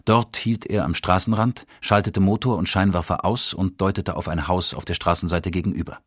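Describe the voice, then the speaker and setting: A man narrating an audiobook in a husky, measured, matter-of-fact voice. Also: sits low, steady tone, dry recording, clean studio sound.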